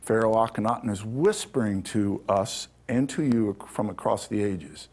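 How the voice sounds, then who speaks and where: On the low side with a darkish tone, lively intonation and normal speed, a man lectures a hall audience informally on ancient Egyptian spirituality, checking in with "okay?" along the way.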